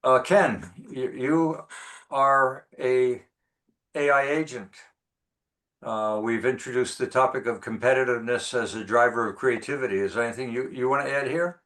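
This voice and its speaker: A man hosts and moderates a group discussion, hands the floor to each guest by name, and speaks hesitantly with frequent fillers. His voice sits at an everyday middle pitch. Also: fairly even intonation, moderate pace, a bit bright. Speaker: host and moderator.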